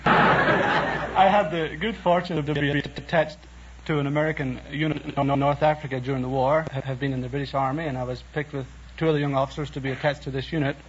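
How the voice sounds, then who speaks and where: Irish male contestant, slightly high, earnest and formal; dull old radio with faint hiss. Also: fairly even intonation, fairly quick. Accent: Irish, Donegal. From Ireland. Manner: earnest, formal, a bit stiff. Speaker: quiz contestant.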